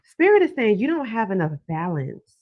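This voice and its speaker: A woman's voice: medium pitch, sing-song, moderate pace, phone-quality sound. A woman hosting a live call-in as a psychic card reader, chatting casually and drawing out words for emphasis. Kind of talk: casual live-stream chat and card reading. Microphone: phone propped on a desk.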